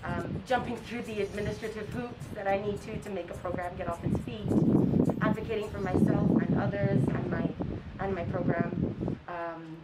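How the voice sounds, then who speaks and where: This low-quality recording catches a Kenyan counseling intern in her twenties, seated outdoors at a school, answering an interview earnestly despite fillers and false starts. She speaks in a steady, mid-range voice at a moderate pace, distant from the mic, with music underneath.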